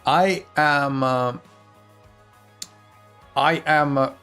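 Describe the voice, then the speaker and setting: A man's voice: on the high side, fairly even intonation, very slow, sharp tone, smooth, soft background music. A young man from Belarus streaming chess from home, chatting casually and answering his viewers' messages aloud. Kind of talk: casual live-stream chat.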